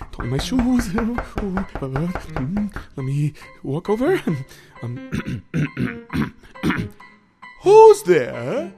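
A man playing an excitable, self-important pious man in a told story, theatrical, muttering and exclaiming. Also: high voice, heavily acted.

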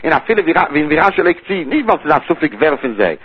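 A man teaches a traditional religious text study lesson in a sing-song study cadence, repeating key terms as he works through the passage. His fairly high voice is husky and quick-paced. The recording is tinny, like a phone line.

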